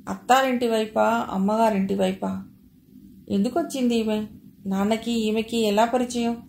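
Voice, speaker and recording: A woman's voice: medium pitch, a little mellow, a little hiss or hum, close to an everyday voice. A woman reading the part of a worried, suspicious young woman who questions in a troubled voice, in a roomy recording with faint ambience.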